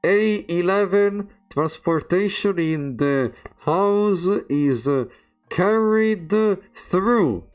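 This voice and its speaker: A man's voice: high voice, animated, smooth, faint music behind, pitched above the performer's own voice, heavily acted. A man voicing a formal schoolteacher in a video game, stumbling word by word as he reads reversed dialogue aloud. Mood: halting lecturing. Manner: halting, stumbling word by word while deciphering reversed text.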